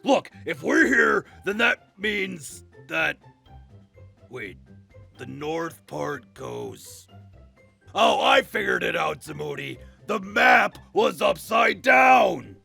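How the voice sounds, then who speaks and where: Guy doing a nervous loud adventurer, high gravelly voice, talks slow then yells. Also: big pitch swings, faint music behind, exaggerated voice. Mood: shouting. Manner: shouts when nervous, exasperated. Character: loud, jittery male fantasy adventurer. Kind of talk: comedic fantasy audio drama.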